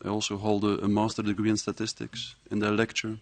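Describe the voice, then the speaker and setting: Low, gravelly male professor lecturing in a measured, reflective way at a live event, dry close sound. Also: completely flat delivery, no echo. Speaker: university professor giving a talk. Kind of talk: public speech at a presentation. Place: live event before an audience.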